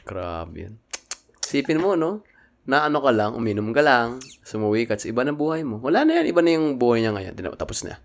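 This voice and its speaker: Joking Filipino man, lively voice. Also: mid-range voice, a little fast. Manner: joking, slangy Taglish, explains at length. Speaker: podcast co-host. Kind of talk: casual chat.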